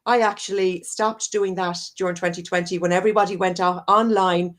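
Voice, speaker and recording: An Irish wellness coach speaks in a lowish, brisk voice with fairly even intonation. She's a guest on a live-streamed video call interview, talking earnestly and at length, rambling and often circling back to correct herself.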